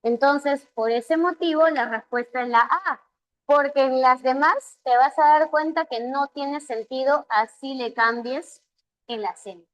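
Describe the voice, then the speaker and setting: A woman's voice: high voice, a little slow, rough recording. A woman language teacher with a Peruvian Spanish accent, patiently explaining exam answers in an online class and voicing her students' questions. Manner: patient, asks students questions and voices their replies.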